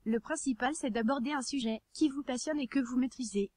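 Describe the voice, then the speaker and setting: A high-pitched female text-to-speech voice narrates a scripted hobby tutorial. The delivery is neat and even, like read-out instructions. The sound is dry, with no room around it. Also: a little fast, no echo.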